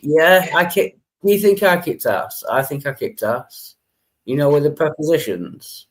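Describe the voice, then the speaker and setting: A man's voice: fairly high pitch, expressive, measured pace. A man chatting casually as the host of an online open chat, greeting people.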